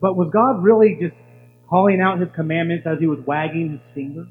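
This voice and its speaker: A man's voice: on the high side, steady tone, fairly quick. A man preaching a sermon as a pastor, teaching with rhetorical questions. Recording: tinny, hall reverb, faint hum.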